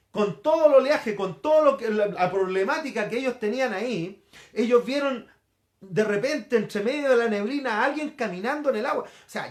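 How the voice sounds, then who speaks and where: A middle-aged Chilean pastor delivers a sermon in a high, bright-sounding voice. He tells the story vividly and jumps into the voices of the people in it. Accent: Chilean Spanish. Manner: animated storytelling, acts out the quoted lines.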